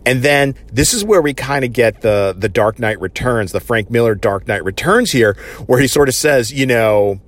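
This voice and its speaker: A man's voice: medium pitch, lively intonation, moderate pace, few pauses. A man casually recapping a TV episode, rambling along with many fillers like "you know" and "uh". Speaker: TV episode reviewer.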